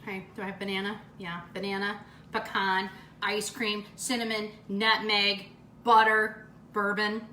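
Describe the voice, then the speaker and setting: A woman's voice: mid-range voice, flat delivery, measured pace, sharp tone, echoey room, slight background noise, low-quality recording. A woman hosting a casual cooking demo in her home kitchen, gushing over the food as she cooks and tastes it. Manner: gushing, enthusiastic food descriptions. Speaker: cooking show host.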